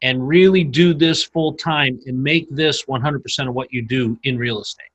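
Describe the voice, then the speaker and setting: A man's voice: mid-range voice, moderate pace, fairly bright tone, poor audio. A man hosting a real estate podcast, welcoming a guest and asking about his journey in an upbeat, emphatic way. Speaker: podcast host. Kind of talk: conversational interview.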